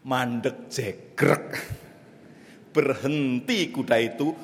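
A man preaching a sermon, telling a story dramatically and swinging between loud calls and hushed asides. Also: mid-range voice, drawn-out words, vocal fry. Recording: long reverb of a large hall.

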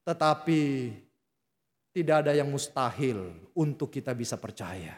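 A man's voice: mid-range voice, expressive, measured pace. A man preaching a sermon, telling stories and addressing the congregation directly. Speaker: pastor. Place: church hall. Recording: long reverb of a large hall.

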